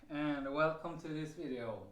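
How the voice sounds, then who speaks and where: Speaking at a moderate pace in a slightly high voice, a man with a Swedish accent gives a casual personal testimony on camera. He is hesitant, full of fillers and restarts with occasional soft laughs, and the room sounds echoey.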